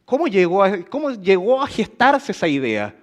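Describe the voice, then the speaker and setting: Animated man preaching. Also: high-pitched, moderate pace. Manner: animated, acts out quoted gossip, asks the congregation questions. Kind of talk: sermon. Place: church.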